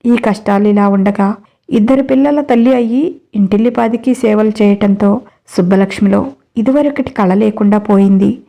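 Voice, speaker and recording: A woman narrating a dramatic family story in a steady storytelling way. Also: medium pitch, vocal fry.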